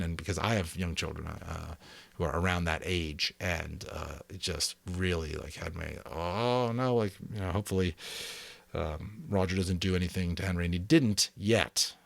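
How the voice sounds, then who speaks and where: With a deep, creaky voice and no echo, a man gives an expressive, dramatic reading of a novel as an audiobook. Afterward, as the channel's host, he talks casually to viewers in rambling asides packed with fillers.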